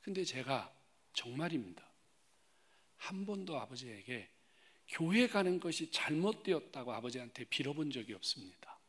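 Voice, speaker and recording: A male pastor delivers a testimony sermon in a church sanctuary, speaking at an ordinary middle pitch. His delivery swings from loud, pressing rises down to breathy whispered asides. He keeps turning to the congregation with direct questions. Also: very animated, moderate pace. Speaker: guest pastor.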